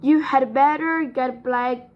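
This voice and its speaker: A woman voicing a calm, noble male centaur in a storybook reading, speaking gravely and earnestly. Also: sits high, takes it slowly, dull audio.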